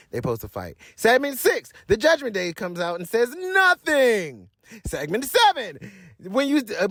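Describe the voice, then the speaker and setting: A man's voice: high voice, no echo, clean studio sound. A man hosting a wrestling review show, ranting bluntly and swearing freely in casual, slangy talk with rambling asides. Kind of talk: casual profane rant.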